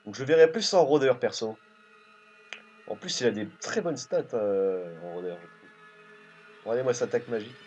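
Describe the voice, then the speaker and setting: A man's voice: mid-range voice, lively intonation, moderate pace, pauses often, a little mellow, slightly rough. A man from France commenting casually on his gameplay, thinking aloud with many hesitations. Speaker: let's play host. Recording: dull lo-fi recording.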